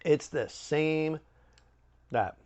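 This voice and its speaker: A man's voice: a little high, drawn-out words, a little mellow. A man giving a casual, chatty snack review with wry, joking asides.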